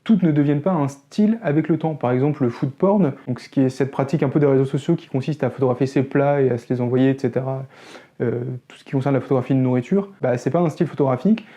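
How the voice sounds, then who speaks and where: Speaking fast in a warm, medium-pitched voice, a French-accented photography channel host talks to camera in an educational way. He keeps it conversational and pokes fun at himself along the way.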